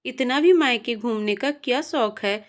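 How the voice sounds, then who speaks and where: A woman voicing a sharp-tongued young wife who taunts her sister-in-law, read with sarcasm. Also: a little high, unhurried, natural voice. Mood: taunting.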